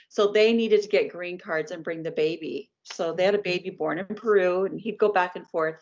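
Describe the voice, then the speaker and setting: A woman in her fifties telling the story of her career as a guest in an interview, lively and chatty. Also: lowish voice. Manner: animated storyteller, acts out quoted voices. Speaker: licensed artist, guest. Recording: dull lo-fi sound.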